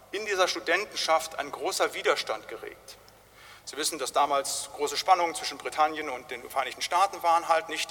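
Bright-voiced man preaching in a reverberant hall. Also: fairly high pitch. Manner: storytelling, conversational with frequent "halt, nicht?" tags. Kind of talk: sermon.

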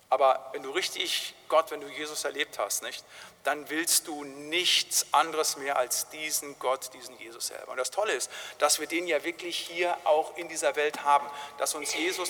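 A man's voice: a little high, moderate pace, fairly bright tone. A man preaching a sermon as pastor, in a chatty manner that keeps asking "nicht?" and sometimes acts out a crying baby. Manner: conversational preaching, frequent tag "nicht?". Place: church. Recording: long hall reverb.

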